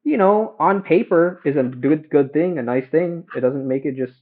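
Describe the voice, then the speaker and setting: A young man chatting casually and haltingly while cooking at home, livestreaming through headphones used as a mic. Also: a little high, phone-quality sound. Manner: hesitant, halting, self-questioning. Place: home kitchen. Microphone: headphones used as a phone mic.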